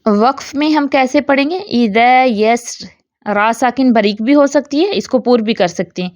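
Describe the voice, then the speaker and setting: A woman teaching a recitation lesson who explains step by step, checks understanding often, and slowly chants the example words. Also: sits high, darkish tone, no room sound, muffled recording. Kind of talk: tajweed lesson in Urdu.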